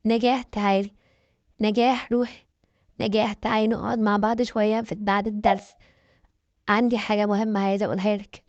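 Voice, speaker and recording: A woman's voice: medium pitch, flat delivery, quick pace, long pauses, darkish tone, dry recording, dull audio, natural voice. Woman voicing a manipulative Egyptian schoolboy. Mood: pushy. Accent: Egyptian Arabic. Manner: persuasive, pushy. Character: manipulative teenage schoolboy, smooth and possessive. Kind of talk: storybook narration.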